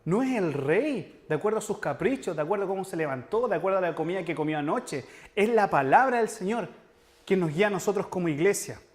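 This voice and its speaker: A man delivers a sermon-style lecture to his church. His voice sits high for a man, and he speaks with earnest emphasis. He addresses the listeners directly as he teaches. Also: animated, quick pace. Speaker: preacher teaching church history.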